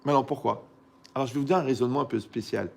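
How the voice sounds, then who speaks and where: A man, a rabbi, giving a lively Torah lesson in colloquial, animated storytelling style, often asking his listeners rhetorical questions. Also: mid-range voice, rapid-fire, creaky.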